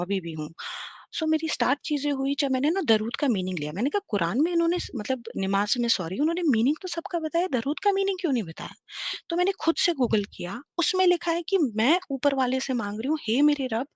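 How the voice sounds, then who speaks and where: A woman in her thirties telling her personal story as a guest on a live stream, lively and mixing English phrases into her speech. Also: medium pitch, no room sound. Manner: animated, mixes English into Hindi, many fillers. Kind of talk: personal testimony, casual storytelling.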